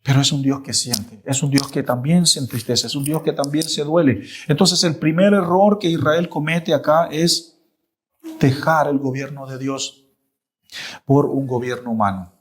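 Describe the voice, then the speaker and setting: A man teaching the Bible in a sermon style, emphatic and repetitive. He keeps checking in with the listeners, and his voice sits a little high for a man. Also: normal speed, a little hiss or hum.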